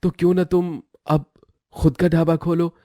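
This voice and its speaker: A man's voice: fairly high pitch, little pitch movement, unhurried, dark tone, no echo, clean studio sound, lightly acted. A man voicing a brave young man in his twenties who speaks firmly and earnestly. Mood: encouraging. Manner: firm and earnest.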